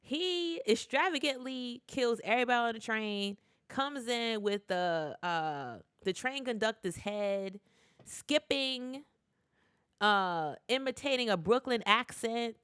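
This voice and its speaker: A woman's voice: fairly high pitch, takes it slowly, smooth, no echo, clean studio sound. A woman recapping a TV show in a casual vlog, retelling scenes with lots of fillers and restarts. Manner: animated retelling with acted quotes, many fillers and restarts. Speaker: TV recap YouTuber.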